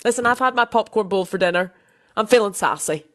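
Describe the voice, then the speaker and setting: A woman's voice: mid-range voice, a bit bright. Young woman co-host, casual and teasing, trips over her words and laughs at herself. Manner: playful, self-mocking, quick restarts. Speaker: podcast co-host. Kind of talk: casual chat.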